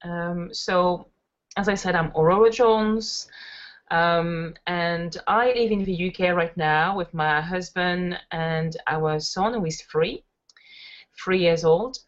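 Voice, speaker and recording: The guest here is a thirty-something French woman in network marketing, speaking slowly in a fairly low voice as she tells stories with frequent fillers during a casual interview. The recording sounds dull and lo-fi.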